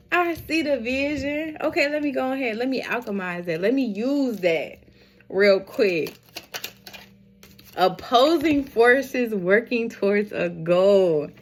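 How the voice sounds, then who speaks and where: A woman giving a spiritual tarot reading to her viewers, speaking in a slow, reflective way, repeating phrases and calling them y'all. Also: fairly high pitch. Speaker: tarot reader.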